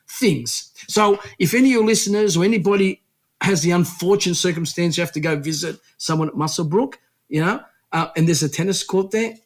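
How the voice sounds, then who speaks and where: A man talks as a guest on a radio interview, telling his story with lots of restarts and a lively, rambling flow. His voice sits somewhat high for a man. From Australia.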